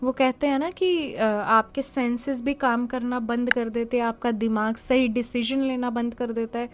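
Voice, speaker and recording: A woman giving a conversational motivational talk. She asks the listener rhetorical questions and guides them through calm, step-by-step exercises. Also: fairly high pitch, moderate pace, soft background music. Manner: gives calm step-by-step guidance. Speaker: motivational speaker.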